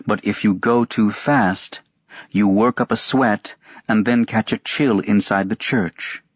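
A man voicing a practical, calm nurse, speaking slowly and matter-of-factly in a dry, dull-sounding recording. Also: lowish voice, dry recording. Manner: slow, measured, matter-of-fact.

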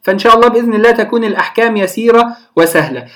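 Teacher, classroom lecture, hesitant, drawn-out fillers, checks understanding. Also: mid-range voice, a bit bright. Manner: often checks if listeners understand. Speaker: Quran recitation teacher.

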